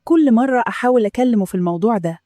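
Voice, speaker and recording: Egyptian woman narrating her story, steady and measured, highish voice but soft and mellow. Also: no echo, studio quality. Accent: Egyptian Arabic. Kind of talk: first-person story narration.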